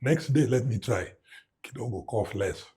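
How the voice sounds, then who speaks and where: Very husky Kenyan man, lively storyteller. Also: mid-range voice, normal speed. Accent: Kenyan English. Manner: animated storyteller who mimics sounds and drops Swahili words. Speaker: guest. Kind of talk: storytelling in a conversational interview.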